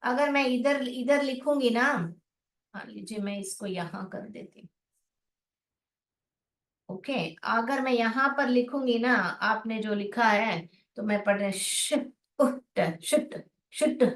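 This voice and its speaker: A woman teaching English phonics in an online class, sounding out words slowly and reading out students' answers. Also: fairly high pitch, a bit bright, far from the mic. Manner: slow, drawn-out sounding of letters and words; reads out students' chat answers and praises them. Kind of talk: online class, explaining in Hindi with English terms. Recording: echoey room, voice away from the mic.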